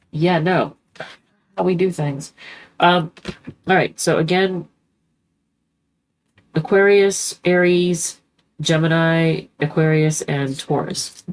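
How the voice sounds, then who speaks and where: A congested woman, clearly fighting a cold, speaks slowly in a low voice with long pauses on a rough recording. She reads tarot casually, drifting from point to point in a chatty, self-correcting manner heavy with ums.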